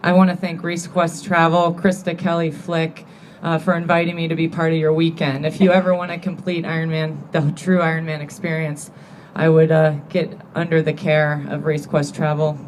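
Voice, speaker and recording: A woman in her thirties giving an emotional acceptance speech at a banquet, earnest and grateful, turning teary and halting at times. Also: sits low, flat delivery, a little mellow, a little hiss or hum, low-quality recording. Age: 30s. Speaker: award-winning athlete giving a thank-you speech. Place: banquet hall with an audience.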